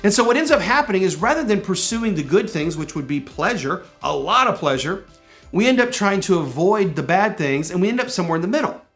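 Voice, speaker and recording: A man's voice: high-pitched, animated, a little fast, a bit bright, faint music behind. A middle-aged man hosting a podcast, giving an earnest, emphatic motivational talk full of rhetorical questions. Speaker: podcast host and personal development coach.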